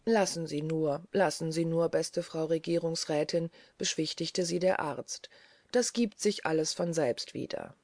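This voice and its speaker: A woman voicing a male dentist who speaks quietly and reassuringly. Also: deep voice, a little slow, no room sound. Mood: calming. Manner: quiet, calming, gently lecturing.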